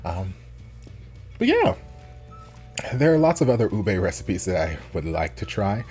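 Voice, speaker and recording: An American man chatting casually as a food vlogger, rambling informally and thinking out loud. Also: low voice, sing-song, a little fast, faint music behind. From United States. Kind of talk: casual rambling chat to camera.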